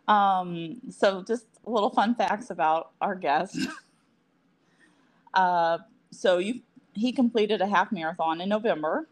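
A woman co-hosting a casual podcast, chatty and quick to laugh, with self-deprecating asides. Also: medium pitch. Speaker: podcast co-host.

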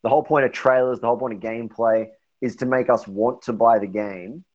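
A man's voice: mid-range voice, steady tone, brisk, darkish tone. A man in a casual gaming chat, laid-back, often repeating his opening words. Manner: laid-back, repeats himself when starting. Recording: dull lo-fi audio.

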